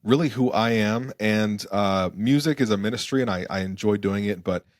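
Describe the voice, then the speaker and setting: A man's voice: on the low side, normal speed, no room sound, studio quality. A young man from Germany and Arizona, a podcast guest talking casually and reflectively, with many fillers and restarts. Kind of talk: casual interview conversation.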